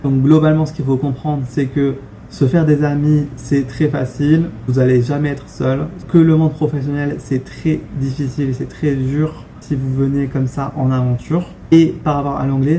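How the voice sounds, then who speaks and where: A young man from France talks straight to camera in a relaxed, frank way, often pausing on fillers. His voice is very dark and mellow, and his melody stays fairly flat. A faint hum of ambient noise sits under the recording. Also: mid-range voice. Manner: conversational, frank, many fillers and restarts. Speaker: vlogger. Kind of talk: casual talking-head vlog.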